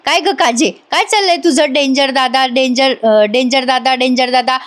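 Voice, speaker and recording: A woman's voice: sits high, normal speed, natural voice. A woman doing a scolding middle-aged mother. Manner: scolding, excitable.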